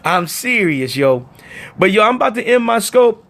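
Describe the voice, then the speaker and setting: Animated high-voiced man streaming live. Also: normal speed. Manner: animated, emphatic, talks to viewers directly. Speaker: livestream host. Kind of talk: casual political livestream chat.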